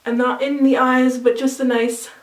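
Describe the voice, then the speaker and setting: This makeup vlogger has a high voice with little rise and fall, speaking at a normal speed. She chats casually, explaining every step while she applies it and using relaxed fillers. The mic sits far away, giving a roomy sound.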